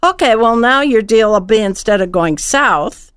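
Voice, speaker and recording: A woman's voice: on the high side, expressive, moderate pace, a bit bright, smooth, no room sound, studio quality. An older woman answering questions conversationally as a guest on a radio show. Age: older, over 55.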